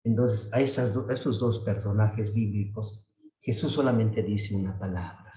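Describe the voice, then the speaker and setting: A man's voice: normal speed, mellow. Male priest, homily delivery, conversational tag questions; distant, dull, roomy church recording. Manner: peppers phrases with tag questions, acts out complaints in a high voice. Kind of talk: sermon.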